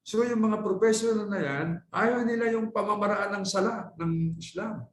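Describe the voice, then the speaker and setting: A man from the Philippines lecturing a class in a slightly higher voice. He talks in a conversational way, checks in often with "okay?" and slips into English phrases. The sound is roomy and echoey, as if recorded in a lecture hall. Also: normal speed. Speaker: Islamic lecturer. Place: lecture hall at a dawah center.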